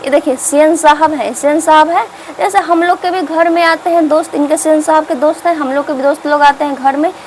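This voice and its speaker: High-voiced teacher. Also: female voice, fairly even intonation, a little fast, hardly any pauses, a little hiss or hum, rough recording. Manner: repetitive, asks and answers its own questions. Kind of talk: explaining a story to students.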